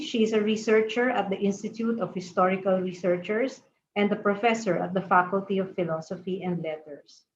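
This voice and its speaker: A woman moderating an online academic panel, introducing the next speaker in a measured way. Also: mid-range voice, muffled recording, slight background noise.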